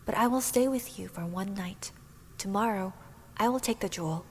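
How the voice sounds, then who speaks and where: A woman whispering as a gentle little male bird. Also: mid-range voice, normal speed, a little hiss or hum, close to an everyday voice. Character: small male bird, gentle and polite traveler. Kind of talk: whispered role-play.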